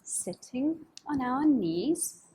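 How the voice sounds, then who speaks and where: A woman teaching a children's yoga story class in an animated, coaxing, sing-song, overbright party-host manner, with a breathy voice. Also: sits high, extremely slow, rough recording. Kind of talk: kids' yoga lesson with storytelling.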